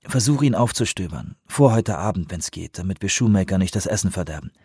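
A man's voice: low-pitched, lively intonation, a little fast, mellow, husky, no echo, studio quality, exaggerated voice. A man voicing a character who gasps out his words between bursts of laughter, in a German audiobook reading. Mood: earnest. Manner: breathless, laughing through words. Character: man, shaken by a laughing fit.

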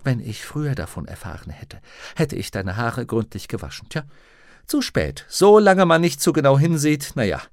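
A man's voice: mid-range voice, big pitch swings, no room sound, studio quality, pitched above the performer's own voice. A man putting on a stern nagging housekeeper woman. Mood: scolding. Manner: brisk, nagging, strict. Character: stern scolding middle-aged housekeeper woman. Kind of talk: audiobook reading.

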